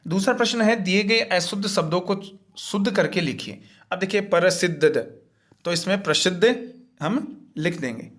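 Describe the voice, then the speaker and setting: A man with a somewhat raised pitch talks through a worksheet lesson. He is patient and repeats each step as he goes. His voice is a voice-over laid over a screen video. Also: normal speed, a bit bright. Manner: patient, repetitive step-by-step explaining. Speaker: teacher.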